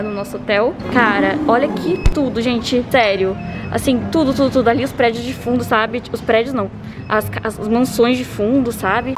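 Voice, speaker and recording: Chatty young Brazilian female vlogger, high voice, emphatic repetition, music playing behind. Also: rough recording. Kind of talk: casual on-the-go vlog chat. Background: background music.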